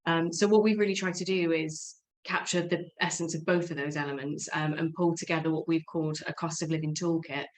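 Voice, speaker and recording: Woman, low pitch, flat intonation, casual explanatory webinar talk, HR presenter. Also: fairly quick, hardly any pauses, poor audio. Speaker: HR professional presenting.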